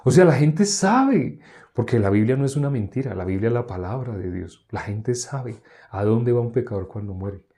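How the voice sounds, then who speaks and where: This man preaches a teaching sermon at a moderate pace, his medium-pitched voice animated yet dark in tone. He keeps it conversational, staging little dialogues with his listeners.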